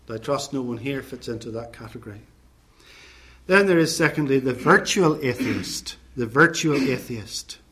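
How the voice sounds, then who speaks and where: A man preaching a sermon in a measured, deliberate way, setting out points one by one and listing phrases with care. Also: mid-range voice, lively intonation, fairly bright tone, a little hiss or hum.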